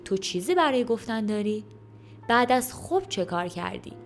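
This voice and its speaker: A woman voicing a kind, patient school headmaster who speaks gently and encouragingly. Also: mid-range voice, animated, soft background music, lightly acted.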